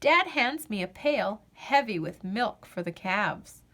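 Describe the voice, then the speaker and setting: A woman at medium pitch narrates a children's picture book, storyteller style. She uses deliberate, expressive phrasing and stretches the repeated refrains.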